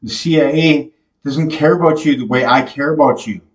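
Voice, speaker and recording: A young male podcast host with a voice on the high side talks to the camera in a slow, rambling devotional monologue full of fillers and restarts. He's in a small bare room, picked up by the camera mic a few feet away, so the sound is echoey and his voice a bit distant.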